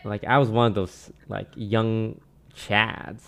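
Low gravelly young man streaming. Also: takes it slowly. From Malaysia. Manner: relaxed, trailing off with many fillers. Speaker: streamer answering questions. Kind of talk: casual chat. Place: small home streaming room. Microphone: studio mic on boom arm, headphones.

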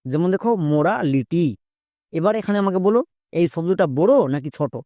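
Patient language teacher spelling out words sound by sound, warm mellow tone, dry close sound. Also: medium pitch, lively intonation, dry recording. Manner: spells out sounds step by step and checks in with quick questions; repetitive, patient explaining. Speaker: English pronunciation teacher. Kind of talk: spoken spelling lesson.

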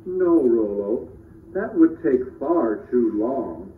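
A man playing a kindly, reassuring old Santa Claus in a children's puppet show, measured and fatherly. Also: medium pitch, lively intonation. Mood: doubtful. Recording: noisy, roomy, distant, muffled phone-like audio.

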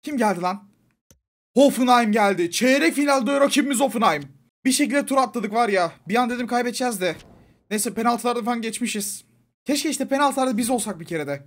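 High-voiced excitable young man gaming. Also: fairly quick. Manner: excitable, pleads with the coach, shouts at the referee. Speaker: gaming YouTuber. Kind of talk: live gameplay commentary.

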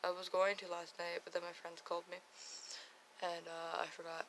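A young woman, rambling through a casual morning vlog at home in a groggy morning voice and keeping it quiet. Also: fairly low pitch, monotone, moderate pace, a little hiss or hum, poor audio. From Canada. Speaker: vlogger. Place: home, indoors.

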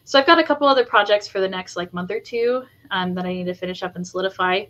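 A woman's voice: mid-range voice, fast talker, fairly bright tone, lo-fi sound. A woman fantasy author as a guest, talking casually and enthusiastically with many fillers. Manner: chatty, many ums and likes, enthusiastic. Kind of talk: casual interview chat.

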